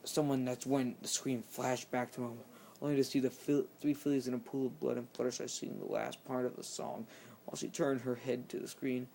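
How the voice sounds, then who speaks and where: A man reading a horror story aloud, halting and often restarting mid-sentence. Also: mid-range voice, flat delivery, gravelly, warm tone, slight background noise. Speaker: channel host reading horror stories.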